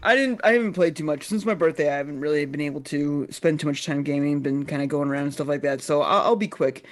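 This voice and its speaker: A man's voice: on the high side, fast talker. A man co-hosting a casual podcast, rambling and repeating himself as he talks about video games. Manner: rambling, repeats himself, acts out mock dialogue. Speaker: podcast co-host.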